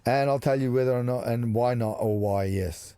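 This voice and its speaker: A man's voice: medium pitch, moderate pace, warm tone, smooth, no echo. A middle-aged man from Macedonia, co-hosting a podcast in casual chat, laid-back and swearing freely. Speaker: podcast co-host. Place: small caravan music studio.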